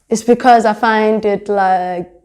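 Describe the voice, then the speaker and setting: Her voice is mid-range and a little mellow as this fashion designer and pharmacy student in her twenties answers interview questions. Born in Somalia and raised in Denmark, she talks chattily about her studies and design work, with plenty of fillers.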